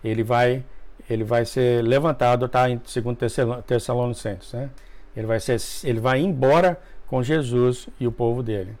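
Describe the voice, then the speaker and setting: A man reading a dream testimony aloud to viewers, emotional, with asides, often coughing and clearing his throat. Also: mid-range voice, steady tone, moderate pace, a little mellow. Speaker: religious video narrator.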